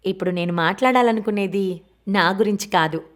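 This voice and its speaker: A woman voicing a practical young mother who speaks briskly, in an audiobook. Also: mid-range voice, lightly acted.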